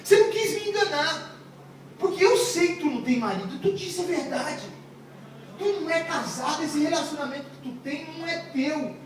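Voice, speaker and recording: A man's voice: extremely high pitch, moderate pace, a crowd in the background, pitched above the performer's own voice. A man doing a blunt, slangy young Galilean. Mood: approving. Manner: slangy, joking retelling. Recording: very echoey room, distant mic, faint noise.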